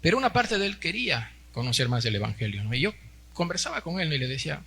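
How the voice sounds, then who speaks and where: Fast and sing-song, this fairly high, creaky, bright voice belongs to a Peruvian pastor in his forties. Preaching his Sunday sermon in Peruvian Spanish, he speaks forcefully and huskily, addresses the congregation as brothers and keeps adding tag questions.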